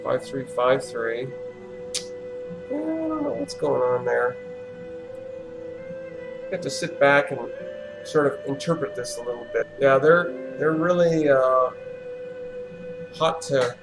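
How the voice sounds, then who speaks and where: A man hosts a relaxed livestream, talking slowly and musing aloud as he thinks things through. His voice has a gravelly edge, and there is faint music behind him. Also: medium pitch, low-quality recording. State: relaxed and yawning. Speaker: livestream host. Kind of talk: casual livestream talk.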